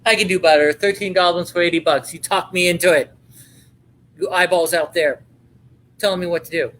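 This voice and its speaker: A man hosting a live-stream sale, giving a playful, hammy home-shopping style sales pitch with chatty patter. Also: steady tone, fairly quick, fairly bright tone, low-quality recording.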